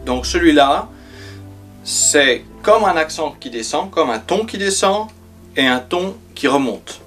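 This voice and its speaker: Guy teaching pronunciation real slow, faint music behind. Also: a little high, lively intonation, fairly bright tone. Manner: slow, careful demonstration of sounds. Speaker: language teacher. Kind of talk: spoken pronunciation lesson.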